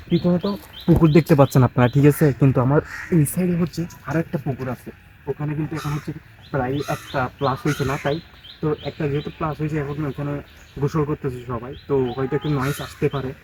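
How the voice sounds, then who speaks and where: A man with a fairly high, steady voice talks fast in a casual outdoor vlog by his backyard pond, a little tired after washing his bike. He rambles and chats directly with viewers, speaking quietly so neighbours don't hear. There's a slight hiss or hum on the low-quality recording.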